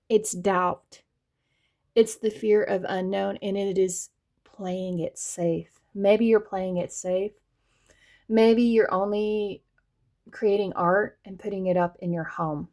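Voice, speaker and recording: A woman from the Southern US, speaking with a light Southern accent in a mellow, mid-range voice, gives a chatty tarot reading. She talks directly to her viewers and laughs often.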